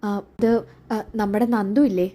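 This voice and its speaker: A woman's voice: mid-range voice, fairly even intonation, warm tone. A woman voicing a worried mother who halts and hesitates before giving bad news. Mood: hesitant. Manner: hesitant, halting.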